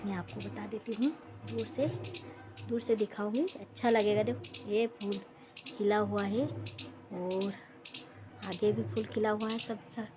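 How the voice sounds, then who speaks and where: A woman's voice: mid-range voice, fairly even intonation, a little slow, pauses often. A woman vlogging a casual tour of her home and garden, repeating herself and talking straight to viewers. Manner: chatty, repeats phrases, talks straight to viewers.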